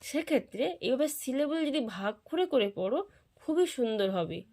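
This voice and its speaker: A woman's voice: sits high, sing-song, normal speed, warm tone. A woman teacher, patiently drilling children through spellings one syllable at a time.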